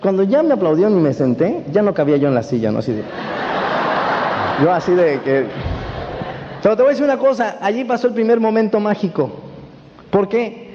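A man with a Mexican accent giving an animated personal testimony to a seminar audience, often checking that they follow him. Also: high voice, brisk, long pauses. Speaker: motivational speaker at a network marketing event. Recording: dull echoey hall recording with faint hiss.

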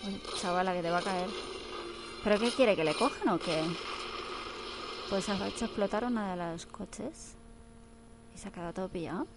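A woman's voice: medium pitch, normal speed, long pauses, background noise. A woman chatting casually while she watches a film, exclaiming and tossing in playful asides. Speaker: film commentator.

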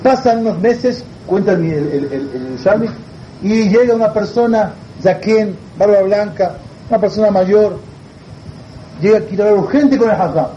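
A man giving a religious talk who tells a story in lively fashion and acts out its characters, in a muffled recording. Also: high voice, normal speed, slight background noise. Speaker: religious teacher. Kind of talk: sermon with storytelling.

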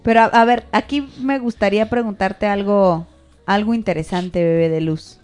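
A woman's voice: medium pitch, fairly even intonation, moderate pace, a little mellow, smooth, soft background music. A woman co-hosting a casual chat, playful and teasing, drawing out her questions. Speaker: co-host.

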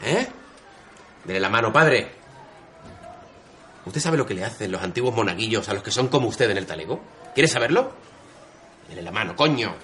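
An actor playing a sleep-deprived police sergeant who talks crudely and with exasperation. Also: male voice, fairly low pitch, expressive, moderate pace, long pauses, sharp tone, a little hiss or hum. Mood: weary.

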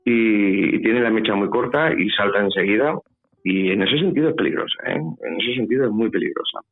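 A man's voice: on the low side, expressive, a little fast, gravelly. A man from Spain with a Spanish accent, telling a personal story as a guest in a phone interview, hesitant and repeating his words. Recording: tinny phone line with faint music.

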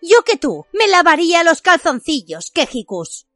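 A woman voicing a fiery, defiant young witch who answers with sharp, indignant retorts. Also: very high voice, big pitch swings, measured pace, no room sound, studio quality, soft background music, pitched above the performer's own voice, full character voice. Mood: cold.

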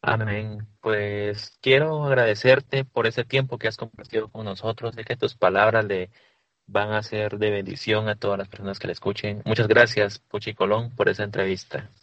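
Low-voiced guy hosting an interview, formal and measured, dry dull audio. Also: fairly even intonation, a bit bright, no echo. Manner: measured and formal, says amen. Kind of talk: interview questions.

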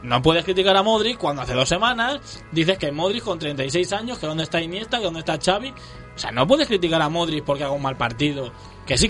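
A man in a casual football chat, opinionated and animated, speaking as a fan. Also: sits high.

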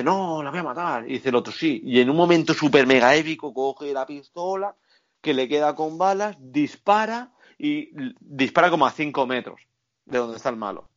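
A man recapping a film in casual chat, animated and profane, tagging his lines with quick checks to the listener. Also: fairly high pitch, dull audio.

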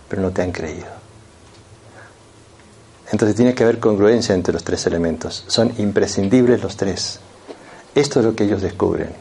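Gravelly low-voiced lecturer. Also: male voice, warm tone. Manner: explanatory, addresses the audience directly with frequent asides. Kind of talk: classroom lecture.

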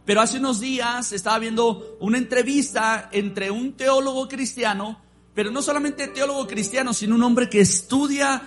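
High-voiced man preaching a sermon. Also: moderate pace, faint music behind. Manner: animated preaching with call-and-response. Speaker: pastor. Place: church.

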